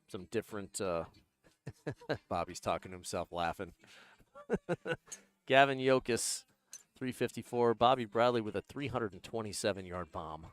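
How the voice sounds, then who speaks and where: A man co-commentating on a sporting event, terse and steady, reeling off scores and quick affirmations. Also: lowish voice.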